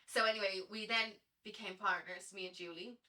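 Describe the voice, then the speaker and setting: A young Irish woman in her early twenties talks in a bright, clear voice, chatty and animated as she tells her story. She leans on plenty of fillers. The mic sits a little way off, so she sounds slightly distant. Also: medium pitch, a little fast. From Ireland. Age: early 20s. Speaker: guest, Latin dancer. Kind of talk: casual podcast chat.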